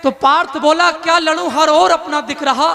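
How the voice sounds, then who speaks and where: A man's voice: very high voice, steady tone, moderate pace, gravelly, sharp tone. A man reciting devotional verse on stage in a declamatory manner, repeating couplets for emphasis. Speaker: poet on stage. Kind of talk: Hindi devotional poetry recital at a poets' gathering. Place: poets' gathering before an audience. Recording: live stage microphone, faint crowd behind.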